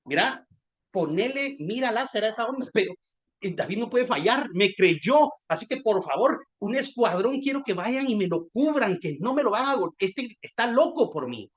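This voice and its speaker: A man's voice: high voice, big pitch swings, normal speed. A jovial, playful God speaks in loose everyday slang with a Guatemalan accent, as a man preaching puts him on. He talks like a friendly boss giving orders to his crew. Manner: playful, colloquial.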